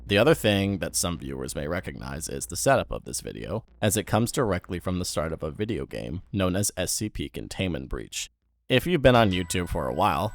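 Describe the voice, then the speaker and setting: Low gravelly man with wry commentary. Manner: wry, sarcastic asides. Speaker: video commentator. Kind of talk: commentary on horror videos.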